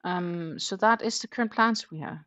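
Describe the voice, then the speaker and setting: A woman with a lowish, slightly bright voice talks at a normal speed. Hailing from Denmark, she hosts a laid-back crochet livestream where she chats, reads viewers' comments aloud, and counts her stitches out loud.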